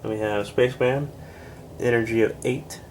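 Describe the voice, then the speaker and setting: A congested man reviewing a board game, reading card text aloud in a plain, unhurried way with casual asides and fillers. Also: medium pitch, fairly even intonation, darkish tone, a little hiss or hum. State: congested, short of breath.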